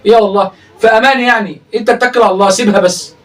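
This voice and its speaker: Egyptian man, comic clip commentary, teasing, high voice, quick delivery. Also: fairly even intonation, far from the mic, background noise. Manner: teasing, laughs often. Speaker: comedy commentator reacting to clips.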